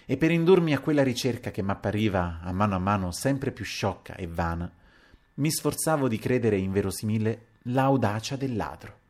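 Low-voiced male audiobook narrator. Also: normal speed. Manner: expressive, moving between hushed narration and raised acted dialogue. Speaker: audiobook reader.

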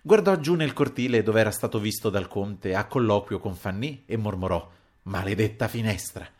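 A man narrating a classic novel as an audiobook, measured and expressive. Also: fairly low pitch.

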